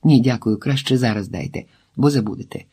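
A guarded young woman TV journalist in an audiobook, as a man reads her, brisk and a little anxious. The reading voice is dark, mellow and somewhat husky. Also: mid-range voice, natural voice.

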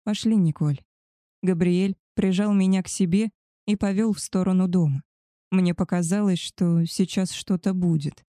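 A woman reads a first-person story aloud in a calm, even way. Her voice sits lowish and warm, recorded close and dry with no room sound. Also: normal speed, no room sound. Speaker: audiobook narrator.

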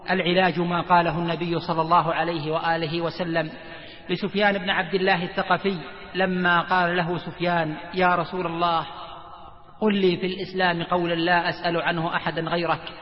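Preacher, male, high and even voice, earnest dramatic storyteller, recorded in a reverberant hall. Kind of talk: sermon retelling a story. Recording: echoey, dull lo-fi hall recording.

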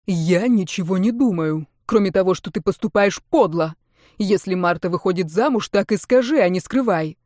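A woman's voice: mid-range voice, expressive, normal speed, hardly any pauses, darkish tone, dry recording, studio quality, close to an everyday voice. A woman voicing an irritated, touchy middle-aged male pianist who talks in an exasperated, indignant way.

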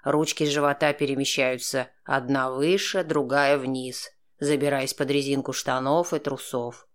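Guy reading an audiobook in first person, mid-pitched voice, dry sardonic tone. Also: flat delivery, moderate pace. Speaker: audiobook narrator.

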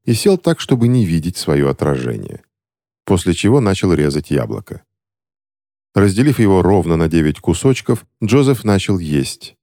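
A man narrating an audiobook story in a measured, even way. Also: sits low, no echo, studio quality.

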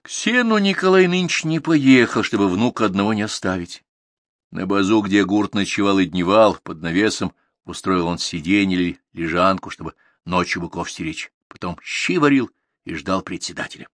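A man reading short stories aloud as an audiobook narrator, in an expressive storytelling manner. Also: sits low, normal speed, no echo, studio quality. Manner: expressive, story-telling delivery. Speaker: audiobook reader.

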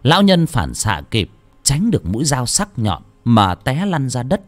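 A man narrating a story, with a dramatic, expressive reading. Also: mid-range voice, normal speed, a little hiss or hum. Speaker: audiobook narrator.

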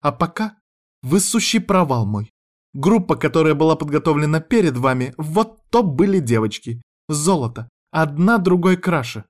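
A man voicing a strict, cold woman who teaches dance, scolding her pupils in a raised, sharp voice. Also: a little high, lively intonation, normal speed, pitched above the performer's own voice, lightly acted.

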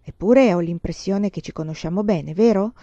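An earnest, determined young woman pushes for an answer, her lines a little raised and insistent, as a woman reading a storybook voices her. The voice is warm and mellow, heard in a dry room. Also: medium pitch, normal speed, dry recording, dull audio, lightly acted. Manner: earnest, pressing.

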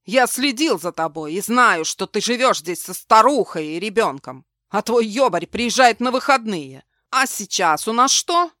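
A woman's voice: a little high, expressive, moderate pace, few pauses, dry recording, clean studio sound. A woman voicing a snarling unhinged male villain. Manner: snarling, shouting threats. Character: vicious vengeful male ex-husband, unhinged. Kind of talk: audiobook dialogue.

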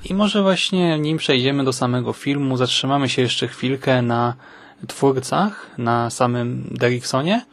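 A man's voice: mid-range voice, a little slow, no echo. A man hosting a conversational film podcast. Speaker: podcast host.

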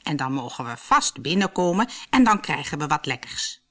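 An eager, boastful male pig from a storybook, loud and keen, voiced by a woman reader. The pitch jumps up and down lively as he schemes. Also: normal speed.

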